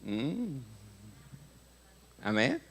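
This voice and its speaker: A man's voice: medium pitch, drawn-out words, breathy edge. A middle-aged man with a Mexican accent preaching a sermon in a church, acting out prayers and questioning the congregation. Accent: Mexican Spanish. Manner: animated, acts out prayers and dialogues, asks the congregation questions. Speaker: pastor.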